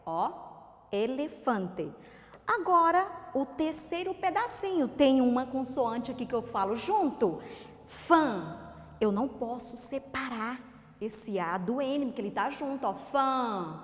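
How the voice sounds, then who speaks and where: A Brazilian woman teaching a recorded literacy lesson to young children, sounding out words slowly syllable by syllable and asking coaxing questions. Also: high-pitched, animated. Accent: Brazilian Portuguese. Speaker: primary school teacher. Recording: reverberant room.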